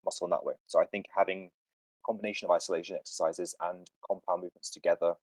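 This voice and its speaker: This podcast host fields fitness questions from a caller on a voice call, explaining training concepts with assurance in a laid-back show. He speaks quickly in a low, flat, somewhat dark voice, captured with no room sound and poor quality.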